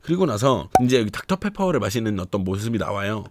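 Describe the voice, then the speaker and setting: A man in his thirties talks viewers through dance performances in a casual, explanatory way. His voice sits slightly low and he speaks at a brisk clip. He addresses the audience directly, like a trainer breaking down moves. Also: sing-song, a little mellow, dry recording. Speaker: dance trainer reviewing a show. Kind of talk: casual video commentary.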